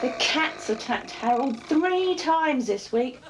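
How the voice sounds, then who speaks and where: A woman's voice: high-pitched, expressive, slow pace, over a noisy crowd. A woman playing a sweet, long-suffering suburban housewife in a spoof advert, prim and sing-song. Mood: fond, fretful. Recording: noisy amateur camcorder film, loud audience.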